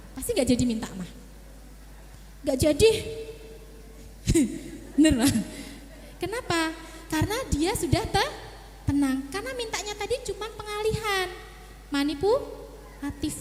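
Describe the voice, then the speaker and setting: High lively woman in echoey hall. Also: a little hiss or hum. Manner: coaching parents, acting out child and mother. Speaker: child psychologist speaker. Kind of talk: parenting seminar talk.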